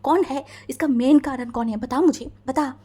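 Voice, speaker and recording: A woman voicing an obsessive, possessive young husband who speaks in an intense, hushed, menacing way. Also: sits high, moderate pace, slightly rough. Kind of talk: fan fiction story reading.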